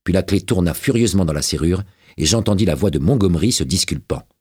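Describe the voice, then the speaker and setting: A man narrating a novel as an audiobook, with a dramatic and expressive reading. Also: low voice, fast, slightly rough, no echo, clean studio sound.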